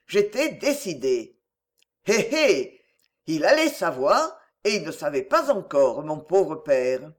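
Woman reading aloud, dramatic, conspiratorial, slow, very lively pitch. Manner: conspiratorial, addressing the listener directly. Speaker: reader.

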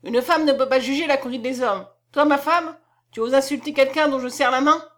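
A woman reading the lines of a pompous, foolish young count who gives stiff, self-righteous commands and shouts at his wife. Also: sits high, brisk, voice pushed up. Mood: harsh, commanding.

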